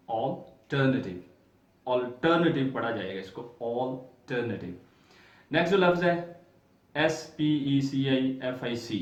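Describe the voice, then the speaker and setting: A man giving a recorded pronunciation lecture, spelling words out letter by letter and drawing out each correct form slowly. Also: medium pitch. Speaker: English pronunciation teacher. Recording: dull, roomy sound from a distant mic.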